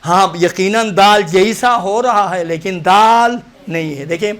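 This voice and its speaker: A man's voice: high-pitched, a bit bright. A man teaching Quran recitation in Pakistani-accented Urdu, sounding out letters again and again before he explains how to say them. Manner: demonstrates letters by repeating them, then explains. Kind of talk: practical pronunciation lesson.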